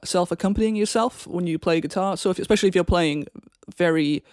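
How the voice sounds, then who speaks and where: A woman with a Welsh accent, a musician guest in a casual interview, talking in a relaxed way and patiently explaining things. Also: fairly low pitch, fast talker, no room sound, studio quality. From Wales.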